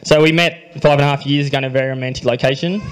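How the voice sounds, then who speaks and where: This young adult groom, Australian-accented, works through a written speech at an indoor reception hall, holding a microphone. The jokes are light, the tone dry and low-key, with frequent throat-clearing and a hint of emotion underneath. Pitch sits in the middle, intonation stays fairly even, his pace is racing, and the sound quality is poor.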